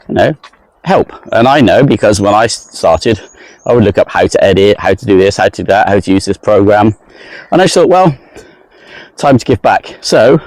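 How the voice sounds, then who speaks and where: A man's voice: fairly low pitch, a little mellow, no room sound. Rambling man vlogging on a walk. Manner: rambling, self-deprecating, restarts a lot. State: sweaty in the heat. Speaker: travel vlogger. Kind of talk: casual walking vlog monologue. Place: outdoors, walking around a lake.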